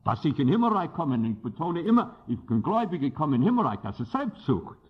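A man's voice: a little high, very animated, quick pace, slightly rough. A man preaching a sermon with passion and emphasis, his phrasing clumsy and often ungrammatical. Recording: dull lo-fi recording.

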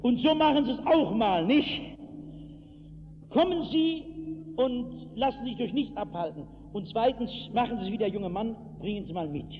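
A man preaching an evangelistic sermon to a hall, telling stories from his own life and breaking into acted shouts. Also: very high voice, lively intonation, moderate pace. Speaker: pastor. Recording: tinny lo-fi hall recording with hiss.

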